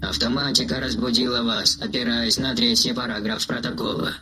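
A man voicing a flat, mechanical male android with a smooth, programmed, emotionless delivery, in an audiobook. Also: medium pitch, brisk, natural voice, low-quality recording. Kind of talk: audiobook character voice.

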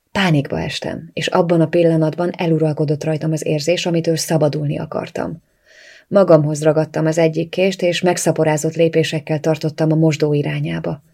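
A reader narrating a first-person novel in a quiet, subdued way. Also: mid-range voice, vocal fry.

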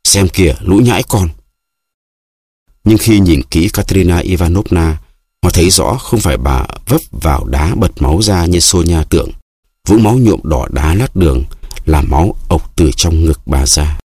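Deep husky male audiobook narrator. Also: lively intonation, normal speed, warm tone, no room sound, studio quality. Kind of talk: scripted narration.

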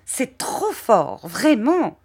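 A woman voicing a stiff, haughty spinster who speaks in shrill, indignant exclamations. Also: sing-song, extremely slow, a little mellow, husky, full character voice.

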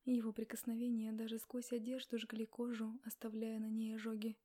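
A young adult woman narrating a novel in the first person, in an intimate, often hushed voice. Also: on the high side, monotone, fairly quick. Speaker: audiobook narrator.

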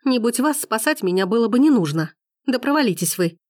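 A woman's voice: medium pitch, expressive, fairly quick, no echo, clean studio sound, natural voice. A woman reading an audiobook, voicing an enraged young woman who hurls angry accusations. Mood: furious. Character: furious young woman in period romance.

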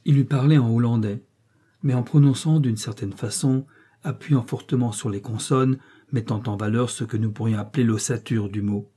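An audiobook narrator reads an adventure novel aloud, measured and expressive. His voice is very dark and noticeably husky, with a pitch at a middling level for a man.

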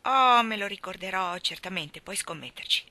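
A woman's voice: mid-range voice, expressive, normal speed, bright, forceful tone, no echo. A woman doing a pushy little boy. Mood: pestering. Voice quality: insistent, whiny. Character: cheeky stubborn little boy, curious.

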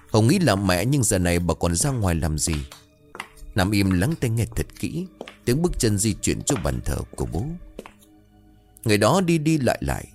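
A man narrating a horror story in a measured, suspenseful way. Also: fairly low pitch, darkish tone.

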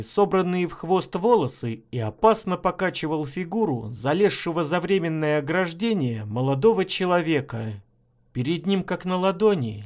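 A man narrating his own short story as an audiobook in a measured, expressive way. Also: fairly high pitch. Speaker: author reading his stories.

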